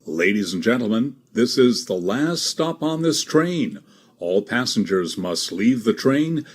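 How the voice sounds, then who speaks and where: Animated man making a subway announcement. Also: on the low side, unhurried, slight background noise. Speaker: train announcer. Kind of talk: scripted end-of-line subway announcement.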